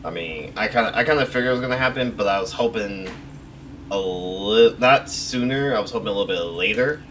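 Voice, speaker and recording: A man's voice: fairly low pitch, a little fast, a bit bright. A man co-hosting a casual podcast, sharing news in an easygoing way with loose, filler-heavy phrasing. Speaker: podcast co-host. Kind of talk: casual chat, reading news. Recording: distant mic with clear background noise.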